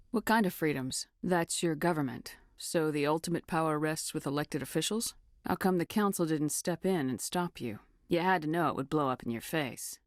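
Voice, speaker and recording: Game role: tough female military commander, low register, firm and businesslike, dry close recording. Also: no room sound. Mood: questioning. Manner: firm, measured, businesslike, authoritative. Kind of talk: video game dialogue acting.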